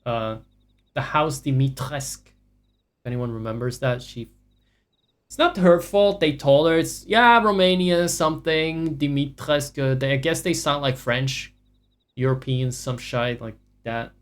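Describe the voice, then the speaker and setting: Swearing, sarcastic and prone to rants, this man talks casually over a video game he's streaming live. He speaks at a measured pace in a medium-pitched voice.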